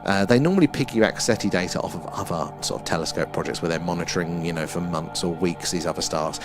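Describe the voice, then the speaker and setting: Male stream host, Essex accent, low register, loose conversational delivery, music underneath. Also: fast talker. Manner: rambling, conversational, addresses viewers directly. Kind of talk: casual live stream chat and explaining.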